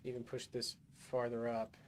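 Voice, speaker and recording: His medium-pitched voice stays completely flat at a normal speed, with a faint hiss or hum behind it. This gaming streamer talks himself through a rocket game move by move, muttering casually with fillers and restarts.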